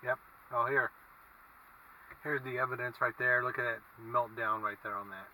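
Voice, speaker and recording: Halting man with a sharp, bright voice. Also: mid-range voice, steady tone. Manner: halting, musing. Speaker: food reviewer. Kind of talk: casual vlog review, talking while eating. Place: inside a parked car with windows down. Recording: distant mic, faint car and traffic noise.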